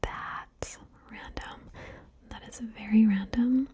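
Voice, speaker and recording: A woman whispering chatty ASMR, playful and soft, moving between left and right ear on a binaural mic. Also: fairly high pitch, steady tone, slow pace. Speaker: ASMR creator.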